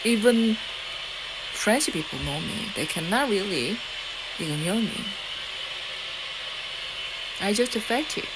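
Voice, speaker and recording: Speaking slowly with long pauses in a mid-range voice, a Korean-accented woman rambles defiantly to her audience, cursing and restarting amid many fillers. Loud, steady noise runs behind her.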